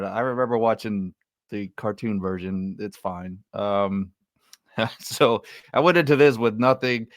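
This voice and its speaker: A man co-hosting a film podcast, giving plain, measured opinions. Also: fairly low pitch, fairly bright tone, no room sound, studio quality. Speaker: podcast co-host. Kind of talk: casual film review chat.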